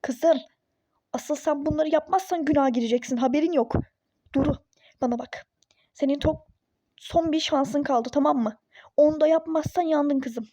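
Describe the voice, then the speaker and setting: A woman's voice: sits high, normal speed, mellow, dry recording, studio quality, natural voice. A woman voicing a meddling, superstitious young woman friend in a phone-game role-play story, nagging and insistent.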